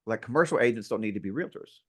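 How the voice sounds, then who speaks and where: A man who teaches real estate, talking in an interview with a lively, playful, emphatic manner from his home. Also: lowish voice, fast. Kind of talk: interview conversation. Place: at home near an outdoor deck.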